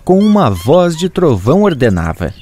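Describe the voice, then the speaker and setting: A man narrating a regional folk tale in an expressive, rhythmic way. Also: a little high, normal speed, soft background music. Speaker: storyteller.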